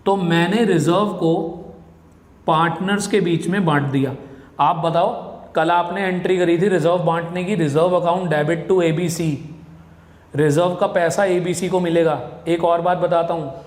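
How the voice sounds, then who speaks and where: A man's voice: a little high, steady tone, a little slow. A man teaching a commerce class, explaining step by step, calling his students "beta" and putting questions to them. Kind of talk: classroom lecture. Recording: echoey classroom with long reverb.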